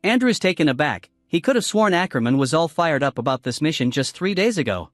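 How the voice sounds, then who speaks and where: A man narrating a comic story recap in a smooth, wry scripted style. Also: on the high side, very animated, fairly quick, dry recording. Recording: dry close voice-over with music.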